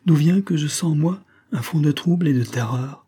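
A man's voice: on the high side, normal speed, warm tone, breathy edge, voice pushed up. A man voicing a timid, dreamy man who answers in a hesitant, earnest way while reading a novel aloud. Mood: musing.

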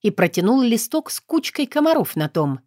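Female audiobook narrator, expressive storytelling, dry close sound. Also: a little high, normal speed, no echo.

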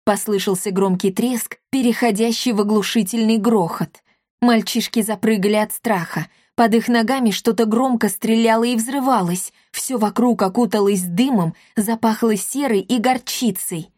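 A woman reading a children's story aloud in a lively, expressive way. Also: fairly high pitch, normal speed, no echo, clean studio sound. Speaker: audiobook narrator. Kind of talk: scripted storybook narration.

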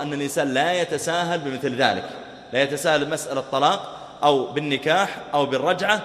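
A man delivers a rapid, lively religious lesson. He acts out little exchanges between people as he explains the rulings. His slightly high voice rings out in a roomy hall with a long reverb. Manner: fast, animated teaching with acted-out example dialogues. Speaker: Islamic preacher. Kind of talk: recorded religious lesson on jurisprudence.

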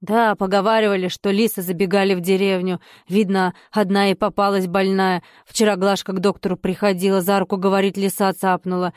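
Storybook witch, read by a woman: hoarse, bossy, blunt, even pitch. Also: brisk, few pauses, no room sound, clean studio sound, natural voice. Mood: stern. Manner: blunt, commanding.

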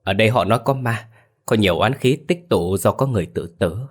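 A man voicing a grieving young widow in a ghost story, pleading and softly respectful as she begs to leave. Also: lowish voice, expressive, brisk, husky.

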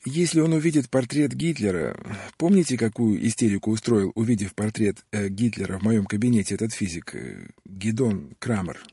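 A man's voice: lowish voice, animated, normal speed, dark tone, slightly rough, no room sound. A man reading a timid hesitant colonel. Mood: cautious. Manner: cautious, hesitant. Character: timid fawning male colonel, unsure of himself.

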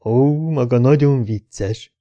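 A man voicing an affected, flirtatious woman at a bar who talks in a slow drawl. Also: mid-range voice, dark tone, lo-fi sound, close to an everyday voice. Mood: coaxing.

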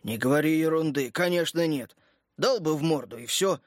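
A gruff, hot-tempered army captain, blunt and threatening, as a male audiobook reader voices him. The voice sits a little high for a man and sounds close and dry. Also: moderate pace, no echo, close to an everyday voice. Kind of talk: audiobook character reading.

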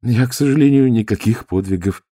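A man's voice: medium pitch, fairly quick, dark tone, no room sound, clean studio sound, pitched above the performer's own voice, natural voice. A man voicing a courteous, bewildered aristocratic count in an audiobook. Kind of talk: audiobook character voice.

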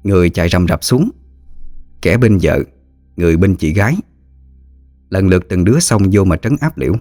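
Southern vietnamese guy telling a story, steady and plain, deepish, soft music behind. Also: normal speed, no echo, clean studio sound. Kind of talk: storytelling narration.

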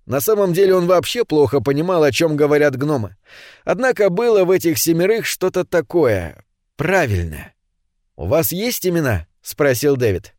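A man narrating an audiobook in an expressive storytelling manner. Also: on the high side, normal speed, no echo, studio quality.

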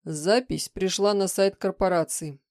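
A woman voicing a calm, businesslike middle-aged man in an audiobook reading, speaking in a matter-of-fact way. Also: medium pitch, measured pace, no echo, studio quality, lightly acted. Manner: matter-of-fact, even delivery.

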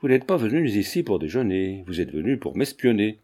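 A man's voice: lowish voice, very animated, brisk, warm tone. A man reading an audiobook, voicing a haughty countess who speaks curtly and scornfully. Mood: angry. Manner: curt, commanding, scornful. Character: furious haughty countess, middle-aged woman.

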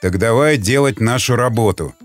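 A man's voice: medium pitch, moderate pace, faint music behind, natural voice. A man voicing a stern male aircraft commander giving firm orders. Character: stern middle-aged male bomber commander.

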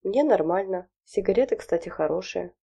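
A woman's voice: mid-range voice, lively intonation, moderate pace, vocal fry, warm tone, husky. A woman voicing a cool, unflappable teenage girl who answers in short, offhand lines, in a storybook reading. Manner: laconic, offhand.

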